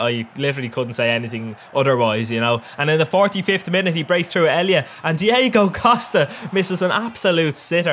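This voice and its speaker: A man's voice: a little high, fairly bright tone, slight background noise. A young man giving cheeky, crude gameplay commentary, often laughing at his own jokes. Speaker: gaming YouTuber.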